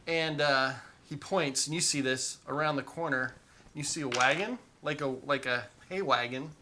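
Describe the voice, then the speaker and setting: A man running a tabletop game as game master, narrating scenes in an animated, playful way. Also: on the high side, normal speed, a little hiss or hum.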